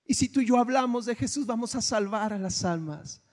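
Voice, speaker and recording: A man preaching a sermon, swinging from hushed lines to shouts. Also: extremely high pitch, a little fast. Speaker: pastor. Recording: long hall reverb.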